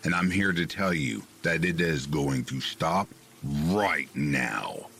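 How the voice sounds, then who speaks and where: A strict, scolding headmistress addressing a school assembly, as a man puts her on for a horror storybook reading. Her voice is deep and gravelly, and her stern delivery is slow and sweeps up and down. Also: lively intonation, a bit bright, a little hiss or hum, exaggerated voice.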